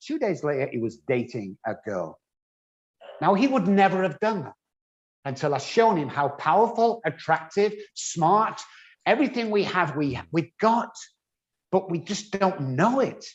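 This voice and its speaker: A man working in addiction recovery, answering an interview with animated anecdotes and acted-out dialogue. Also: high-pitched, unhurried, highs cut off.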